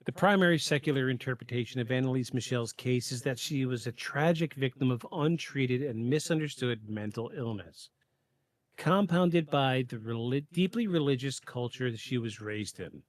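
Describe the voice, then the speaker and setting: A man hosting a podcast, reading a prepared script in a measured way, with occasional stumbles and quick asides. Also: medium pitch. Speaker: podcast host. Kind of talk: scripted narration of a paranormal case.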